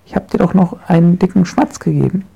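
A man voicing a loud, amorous old swamp witch in a storybook, calling out in a coaxing, pleading way. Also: sits high, fast, creaky, slightly rough, lo-fi sound, voice pushed up, heavily acted.

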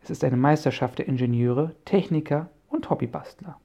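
A man reading a friendly inventor professor in an audiobook, calm and explaining, with a gravelly voice. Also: a little high, normal speed. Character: friendly middle-aged male inventor professor. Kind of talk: audiobook character voice.

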